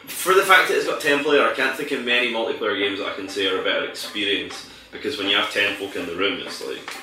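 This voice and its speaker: A young man co-hosting a gaming podcast banters casually and at length about games he played, rambling and swearing. His voice is fairly low, fast, bright, and forceful. He's recorded far off in an echoey room with music behind and a little hiss or hum.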